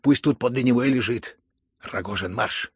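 A man's voice: mid-range voice, moderate pace, husky, no echo, studio quality. A man voicing a proud, defiant young woman. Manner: loud, scornful commanding outbursts. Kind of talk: audiobook character reading.

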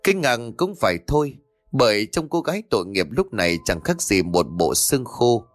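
A man narrating a ghost story in an expressive storytelling way over faint music. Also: on the low side, normal speed, no echo.

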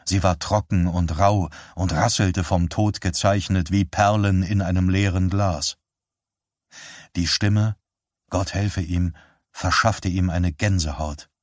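A man narrating an audiobook in a slow, unhurried delivery with a fairly low voice. His reading is measured and solemn. The sound is dry and close. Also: no room sound.

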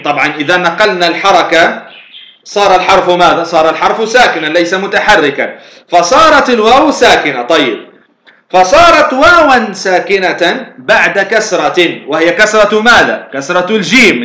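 A man's voice: high-pitched, bright, forceful tone, reverberant. A man from Tunisia teaching a religious grammar lesson, explaining step by step, repeating phrases and asking himself rhetorical questions.

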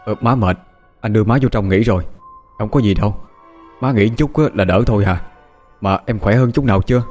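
A concerned older brother, voiced by a man with a lowish voice. He speaks gently and anxiously in this audio ghost story. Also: brisk, faint music behind, lightly acted. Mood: worried. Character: caring young man, worried older brother.

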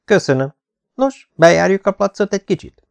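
A cocky young ballplayer who ribs his brother and charms the guests, as a man plays him in an audiobook. Brash and teasing, a little louder and higher than the narration. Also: lively intonation, creaky. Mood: cheerful.

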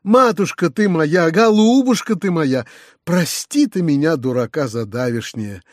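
A man voicing a fat, blunt country landowner who talks in a folksy, rough, confiding way. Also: fairly high pitch, lively intonation, unhurried, no echo, clean studio sound. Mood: fawning folksy.

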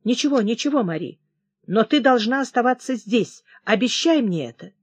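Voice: medium pitch, lively intonation, moderate pace, husky, no echo. An audiobook reader voicing a troubled, erratic young male king who gives agitated, feverish commands. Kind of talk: audiobook character reading.

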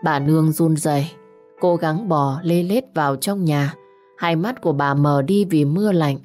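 Low-voiced woman narrating a story. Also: a little mellow. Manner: slow, measured, dramatic storytelling. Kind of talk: scripted audio story narration. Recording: faint background music.

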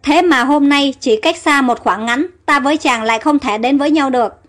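A woman's voice: sits high, a little fast, a bit bright, faint music behind. A woman voicing a desperate, loyal young captive woman with a pleading, emotional manner in a storybook reading.

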